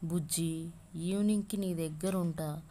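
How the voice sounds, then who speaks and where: A woman voicing a caring young father who speaks gently. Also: on the low side, steady tone, measured pace, natural voice. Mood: tender.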